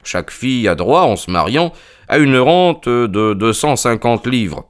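A man playing a calm, ironic detective in a dramatized reading, unruffled and dry. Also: mid-range voice, unhurried, lightly acted. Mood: explaining.

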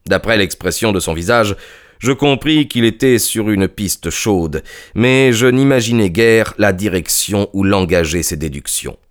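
A man narrates a classic mystery audiobook in a steady, measured way. His voice is fairly low, and he keeps the pace calm and even throughout.

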